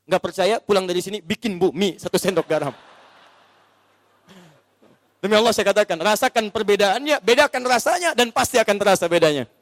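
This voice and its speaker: A man's voice: sits high, a little fast, pauses often, no echo, long reverb tail. A man preaching a sermon, telling a story by acting out its scenes and putting questions to his audience.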